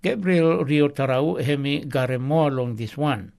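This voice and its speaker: A man's voice: on the high side, unhurried, gravelly, a little mellow. A man with a Melanesian accent, working as a radio presenter and reading the news in pidgin.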